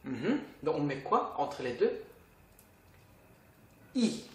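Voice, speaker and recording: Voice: medium pitch, very animated, takes it slowly, roomy sound. A teacher giving a language lesson, patiently explaining and asking the viewer questions. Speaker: Korean teacher.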